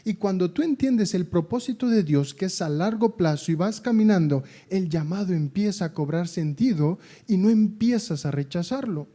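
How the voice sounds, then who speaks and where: High-voiced, dark-toned man preaching. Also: lively intonation. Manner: emphatic, repeats phrases, slows down to read scripture. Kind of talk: sermon. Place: house of prayer.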